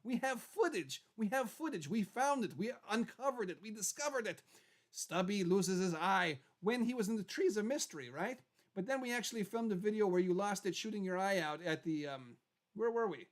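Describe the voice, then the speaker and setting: A talkative skeleton played by a man hosts a casual livestream in a high-pitched character voice. He rambles along and repeats his phrases for emphasis, like a puppet show host chatting with fans. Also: animated, moderate pace. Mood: chatty, playful.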